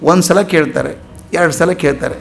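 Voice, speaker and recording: Motivational speaker: man, raspy and fairly high, lively storyteller, soft music behind. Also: moderate pace. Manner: lively storyteller acting out quoted voices. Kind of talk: storytelling lecture.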